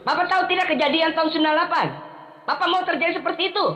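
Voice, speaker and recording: High-voiced caller in his late thirties. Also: bright, forceful tone, big-room sound. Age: 30s. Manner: halting, pleading, with restarts. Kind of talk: tense call-in argument.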